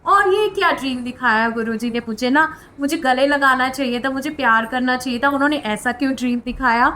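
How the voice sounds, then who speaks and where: High-voiced woman telling a heartfelt devotional story. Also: brisk. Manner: earnest, heartfelt storytelling with soft filler words. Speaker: devotee sharing spiritual experiences. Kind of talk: devotional testimony.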